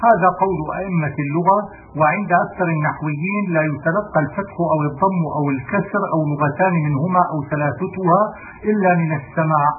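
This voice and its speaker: A man reading a classical grammar text aloud in a steady recitation, sometimes correcting himself mid-word. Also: on the high side, fast talker. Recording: tinny phone-like audio with faint hiss.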